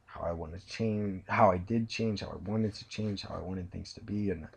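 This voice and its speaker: Tired young man, low gravelly voice. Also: fairly even intonation. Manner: halting and hesitant, many pauses and restarts. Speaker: vlogger telling his life story. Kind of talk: personal storytelling. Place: in bed at home.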